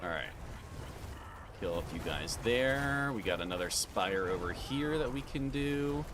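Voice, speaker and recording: In a lowish, expressive and unhurried voice, a man streaming his gameplay chats loosely with viewers, saying hi to them by name and calling each one sir. The background noise is clearly audible.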